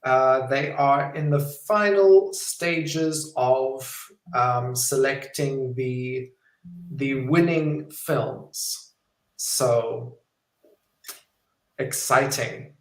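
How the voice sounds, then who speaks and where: Slow-talking man, roomy sound. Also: medium pitch, soft background music. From South Africa. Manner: friendly, chatty, with frequent ums and easy laughter. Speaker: documentary filmmaker. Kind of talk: casual interview answers. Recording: roomy echo.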